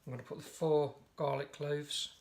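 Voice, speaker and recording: A male home cooking host with a croaky, gravelly, slightly high voice delivers a casual step-by-step recipe demo at normal speed, flat and easy in tone. He's relaxed and chatty, correcting himself mid-sentence often, and the kitchen recording is noisy.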